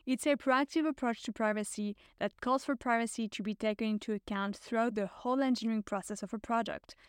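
A woman hosting a podcast, reading a scripted introduction with measured, clear delivery. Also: on the high side, no room sound. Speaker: podcast host.

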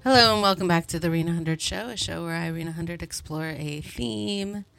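Chatty self-deprecating woman host, lower voice. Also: normal speed, vocal fry, music in the background. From Montreal, Canada. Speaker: podcast host. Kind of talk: solo podcast monologue. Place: bedroom at home.

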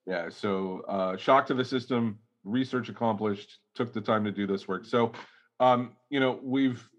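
Male podcast guest, low voice, hedging academic ramble, casual chat. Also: measured pace, lo-fi sound. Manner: rambling academic explaining, many hedges. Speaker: guest toy researcher.

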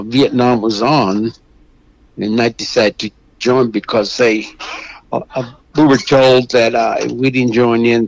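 Older man, halting, dry-sounding voice. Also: medium pitch, no room sound, lo-fi sound. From Mexico. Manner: halting, with many restarts and fillers. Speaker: guest. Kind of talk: phone interview.

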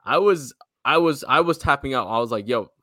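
A man's voice: medium pitch, animated, fairly quick, sharp tone, no echo, clean studio sound. A man co-hosting a casual post-fight show, talking in a laid-back way with casual slang. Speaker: co-host.

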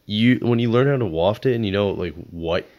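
A man's voice: lowish voice, fairly quick, darkish tone, highs cut off. A young man co-hosting a casual podcast, talking in a laid-back, dry, matter-of-fact way. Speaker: podcast co-host. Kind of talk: casual chat.

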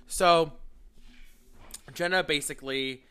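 A speaker in casual chat among friends, tossing in teasing, quick interjections. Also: medium pitch, pushed and bright, smooth.

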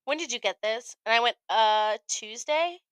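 On the high side and at a moderate pace, this young American woman's voice has a clean tone and no echo. Co-hosting a podcast, she casually tells a story, animatedly performing the quotes and swearing often.

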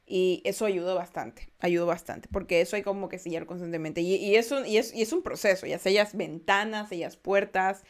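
A young woman telling true ghost stories in casual podcast talk, acting out quoted lines with loud bursts and often restarting her sentences. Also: on the low side, fairly even intonation, moderate pace, hardly any pauses. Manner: frequent restarts, turns quiet and reflective. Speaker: podcast host. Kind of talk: casual storytelling.

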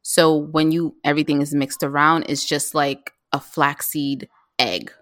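A woman chatting as a guest about home cooking, lively and quick, with many fillers and restarts. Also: low-pitched, no room sound, studio quality. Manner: animated, talks fast with restarts and fillers. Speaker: guest, vegan home cook. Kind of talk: casual interview chat.

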